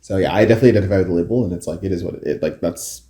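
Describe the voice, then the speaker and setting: A man from Africa co-hosting a casual podcast chat, animated, laughing often and restarting his sentences. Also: deep voice, racing, a little hiss or hum. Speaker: podcast co-host. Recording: roomy echo.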